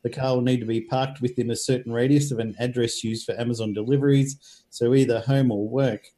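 A man's voice: medium pitch, fairly even intonation, a little fast, mellow. A man with an Australian accent presenting tech news, reading items out and explaining them.

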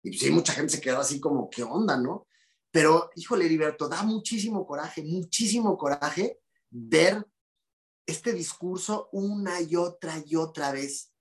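A man with a Mexican accent, a psychologist guest on a podcast, telling a story in a lively, indignant way and acting out the dialogue. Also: fairly high pitch, normal speed. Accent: Mexican Spanish. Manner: animated and indignant, acts out quoted dialogue. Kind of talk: conversational storytelling.

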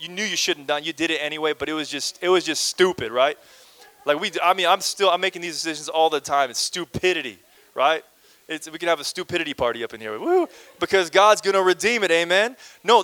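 A male pastor from Canada preaching a lively, conversational sermon with playful asides and calls to the congregation. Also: on the high side, no echo, poor audio.

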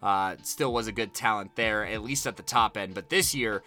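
A man's voice: on the low side, normal speed, bright, forceful tone, faint music behind. An American man giving casual sports analysis as a co-host, talking discursively and piling up points.

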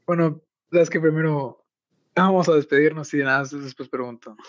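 A young man with a Mexican accent talks loosely on a podcast, piling on slang and filler words as he rambles. His voice sits a little high. The recording is dry and somewhat muffled. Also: fairly even intonation, normal speed, no echo. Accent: Mexican Spanish. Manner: slangy, rambling, fills with "güey" and "o sea". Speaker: podcast co-host. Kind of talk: casual podcast chat. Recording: dry, dull lo-fi sound.

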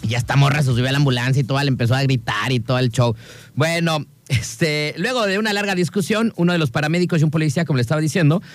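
A man's voice: fairly high pitch, fast, no room sound, faint music behind. A man with a Mexican accent hosting a radio show, chatting casually and jokingly, with plenty of slang and fillers. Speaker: radio host.

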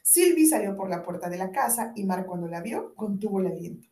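A woman's voice: medium pitch, fairly quick, distant mic. Woman narrating a novel, echoey room. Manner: expressive reading with voiced dialogue. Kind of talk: audiobook narration. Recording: roomy echo.

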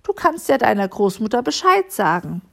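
A woman's voice: fairly high pitch, very animated, normal speed, vocal fry. A woman voicing an eager young schoolgirl in a children's storybook reading. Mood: friendly. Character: bossy then kind young schoolgirl.

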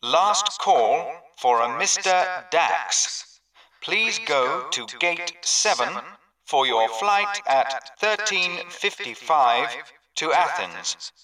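A man reading airport announcements in a slow, deliberate, formal manner. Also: a little high, big pitch swings, bright, forceful tone, far from the mic, low-quality recording. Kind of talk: scripted public announcement.

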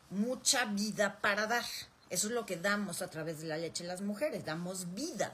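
A woman's voice: mid-range voice, a little hiss or hum. A woman giving an informal spoken lecture, explaining through rhetorical questions and repetition. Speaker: speaker on emotional roots of illness.

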